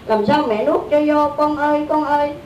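A woman's voice: darkish tone, dull audio, natural voice. A woman voicing a grieving Southern Vietnamese mother. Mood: mournful. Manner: slow, mournful lament. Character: grieving elderly mother lamenting her dead child. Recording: echoey room, distant mic, faint rumble.

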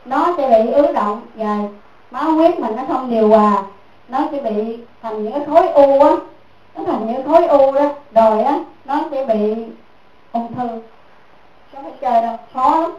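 High-voiced woman giving a dharma talk. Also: moderate pace, a little mellow, dull audio. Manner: repetitive, keeps asking listeners "right?". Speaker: Buddhist teacher. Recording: echoey room, mic far off.

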